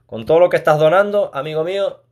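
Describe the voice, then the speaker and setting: A man chats casually while streaming a mobile game. He reads his chat aloud, talks warmly to viewers, and laughs often. He is talking a room at home. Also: fairly high pitch, fast talker.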